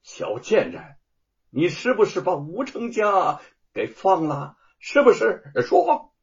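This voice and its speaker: A man's voice: high voice, sing-song, very slow, vocal fry, voice pushed up, exaggerated voice. A man doing a blustering, furious old house master. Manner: blustering, shouting, suspicious. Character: pompous, hot-tempered old master of a house. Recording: dull lo-fi audio.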